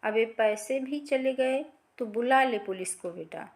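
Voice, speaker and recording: A woman's voice: a little high, unhurried, darkish tone. A woman storyteller voicing a suspicious, scolding mother-in-law in a family tale.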